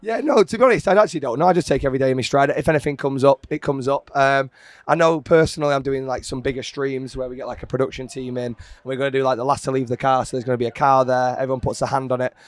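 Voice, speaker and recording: A man's voice: medium pitch, no room sound. Young male guest, casual, repeats himself, easy laugh, dry close sound. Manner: halting, repeats words, laughs easily. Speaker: guest streamer. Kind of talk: casual chat.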